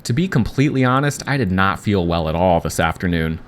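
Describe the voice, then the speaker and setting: A man with a very low voice narrates a storm-chasing story in a scripted, reflective style. Clear vehicle noise runs behind his words. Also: lively intonation, fairly quick.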